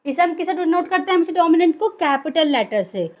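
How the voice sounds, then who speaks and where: A woman's voice: very high voice, expressive, a little fast, highs cut off. A woman teaching a biology class in a lecture style, asking questions and answering them herself.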